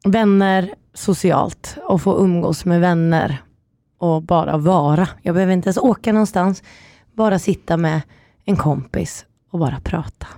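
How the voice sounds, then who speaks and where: A woman guest on a chat podcast telling stories in a lively way, acting out quotes. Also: lowish voice, dry recording, studio quality. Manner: lively storytelling, acts out quotes. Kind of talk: casual chat.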